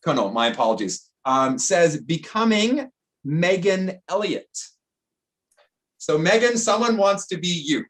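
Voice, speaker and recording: A chatty man hosts a casual online interview, his voice sitting a little high for a man. He jokes with his guests and often restarts his sentences as he goes. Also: lively intonation, unhurried, fairly bright tone. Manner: chatty, jokey, trailing restarts. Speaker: interview host.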